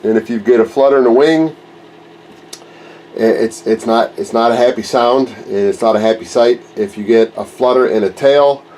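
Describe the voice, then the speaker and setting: This medium-pitched, slightly mellow voice moves at a moderate pace and belongs to a man in his forties with a cold. An RC plane hobbyist and channel host, he rambles casually and corrects himself while filming his home workshop on a handheld camera held close. The audio is poor, with a little hiss or hum.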